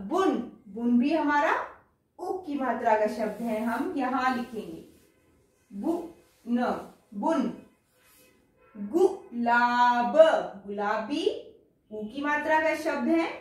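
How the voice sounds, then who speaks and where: High-voiced woman teaching slowly in an echoey room. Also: distant mic. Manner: slow, drawn-out word-by-word reading; patient, explaining teacher tone. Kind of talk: children's lesson.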